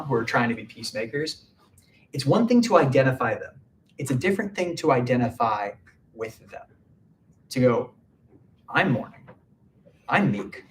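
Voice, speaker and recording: A man's voice: mid-range voice, recorded from a distance, a little hiss or hum. A man preaching a casual midweek sermon, chatty and full of "like" fillers. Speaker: pastor.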